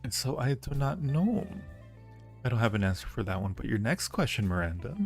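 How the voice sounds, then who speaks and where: This audio roleplay creator, a man with a medium-pitched, sing-song voice, runs a live Q&A on stream at a fairly quick clip. Soft music sits in the background as he fields viewers' questions in a relaxed, flirty, teasing way.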